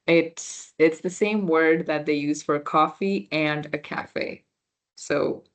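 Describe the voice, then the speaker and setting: Slow-talking young woman teaching beginner French. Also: sits low, dull audio. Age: young adult. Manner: slow, explanatory, frequent fillers and restarts. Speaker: volunteer French workshop instructor. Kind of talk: slide-based beginner language lesson.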